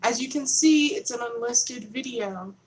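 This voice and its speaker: A slightly high-voiced woman speaks unhurriedly on a rough recording with a little hiss or hum. Hosting a livestream from her home in Texas, she talks casually into a camera on a holder, rambling, conspiratorial, chatty, and prone to interrupting herself.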